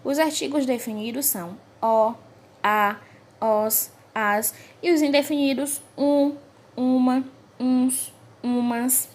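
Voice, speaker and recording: A Brazilian woman teaching a grammar review to young pupils, speaking slowly and clearly and stressing each example word. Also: high-pitched, fairly even intonation. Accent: Brazilian Portuguese. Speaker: primary school teacher.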